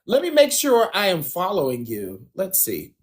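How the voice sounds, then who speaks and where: A man's voice: sits high, wildly swooping pitch, moderate pace. A man hosting a dating show on a phone livestream, chatting casually, talking straight to viewers and laughing often.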